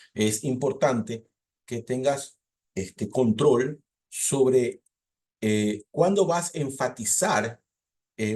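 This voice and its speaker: A man teaching a seminary preaching class, explaining points in a relaxed lecture with fillers and rhetorical questions. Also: mid-range voice. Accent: Latin American Spanish.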